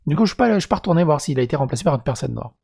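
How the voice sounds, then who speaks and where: A man's voice: a little high, animated, very fast, gravelly, a little mellow, breathy edge. A man reading a script and breaking into crude, sarcastic asides as a video commentator. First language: French. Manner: crude, sarcastic asides between read passages. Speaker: YouTube commentator.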